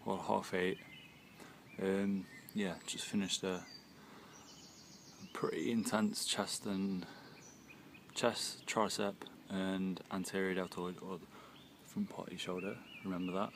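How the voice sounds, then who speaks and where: A fitness vlogger in his 20s chats casually with a low voice and a slow pace while out in a wooded park. Relaxed after his workout, he laughs often. He records on a phone held close using an earphone mic, so faint birds and other outdoor sounds come through.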